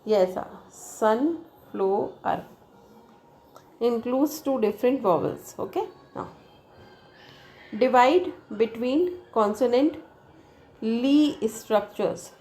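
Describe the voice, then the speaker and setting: A woman's voice: on the high side, lively intonation, extremely slow, pauses often, darkish tone, poor audio. A woman teaching a lesson, reading from a text and checking in with her students with "right?" and "okay?". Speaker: English teacher. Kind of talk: bilingual lesson explaining slowly.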